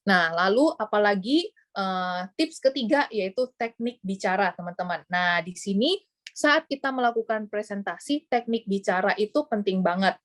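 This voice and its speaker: A woman's voice: medium pitch, expressive, moderate pace. A woman giving casual training tips on presenting, chatty and full of fillers, acting out short examples. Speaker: sales trainer.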